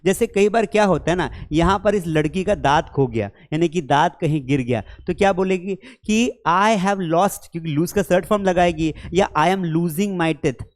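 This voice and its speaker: The voice here is high-pitched and a little mellow, belonging to a man giving an online spoken-English lesson. He explains patiently, speaks to his viewers as friends and children, and reads English example sentences slowly.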